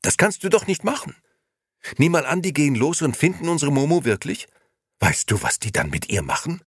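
A man's voice: fairly high pitch, big pitch swings, brisk, slightly rough, no echo, studio quality, voice pushed up. A man doing a jittery young storyteller. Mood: anxious. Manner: hasty, evasive, pleading. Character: young male storyteller, dreamy, evasive, easily frightened.

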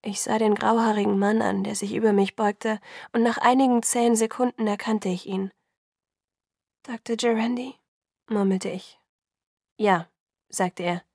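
A woman narrating a story in a subdued, hushed way, often sinking into a whisper. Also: mid-range voice, steady tone, normal speed, creaky, no room sound, studio quality. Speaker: audiobook narrator. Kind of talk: scripted narration.

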